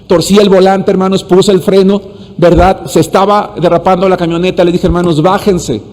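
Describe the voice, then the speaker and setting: A man's voice: high voice, little pitch movement, brisk, a little mellow. A male pastor, preaching a sermon and telling a story, often calling out to his listeners and repeating words as he searches for them. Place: church sanctuary. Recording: long hall reverb.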